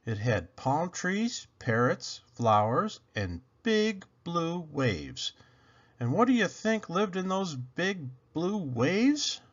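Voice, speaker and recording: In a slow, sing-song delivery and a fairly high voice, a man reads a children's picture book expressively for his channel. He emphasizes moments dramatically and poses questions to listeners; the sound quality is dull and lo-fi.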